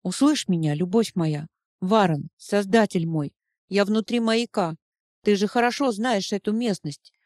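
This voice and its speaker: A woman's voice: mid-range voice, a little slow, a little mellow, no echo, studio quality, close to an everyday voice. Woman voicing a tender, dying vampire woman. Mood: pleading. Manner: tender, pleading. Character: dying immortal vampire woman calling for her love.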